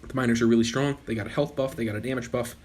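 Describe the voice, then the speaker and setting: Medium in pitch and very fast, a young man's voice carries casual commentary over gameplay on his channel. He's losing his voice and talks in a relaxed, wandering way, often correcting himself.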